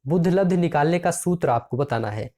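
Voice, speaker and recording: A man's voice: a little high, animated, a little fast, mellow. A man teaching an exam-prep lesson, reading out each question and its options, then repeating the correct answer and calling his listeners friends.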